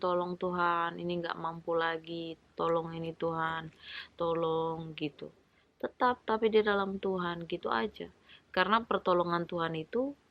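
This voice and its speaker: A woman shares a casual devotional talk in a bright, clear voice. She sounds close and dry, with no room around her. She encourages her listeners and acts out little prayers as she goes. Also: fairly low pitch, no echo. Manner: warm encouraging, conversational, acts out short prayers. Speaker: Bible study vlogger.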